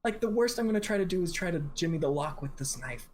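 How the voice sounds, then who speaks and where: A woman with a fairly low voice playing a tabletop game. Her pitch swings widely as she talks, stammering and animated, over faint background hiss. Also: fast. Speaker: player. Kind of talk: casual tabletop game chat.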